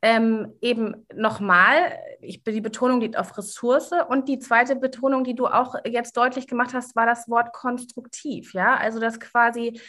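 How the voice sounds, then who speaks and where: A woman hosting a podcast who talks haltingly, often restarting and seeking agreement. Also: a little high, flat delivery, a bit bright. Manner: hesitant, many fillers and restarts, asks for agreement. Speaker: podcast host. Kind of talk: podcast conversation.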